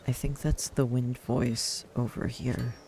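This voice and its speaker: Slow, creaky-voiced man musing over a game. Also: medium pitch, level tone, mellow, a little hiss or hum. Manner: musing, hesitant, thinking aloud. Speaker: player narrating a video game. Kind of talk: casual game playthrough commentary, reading in-game text aloud.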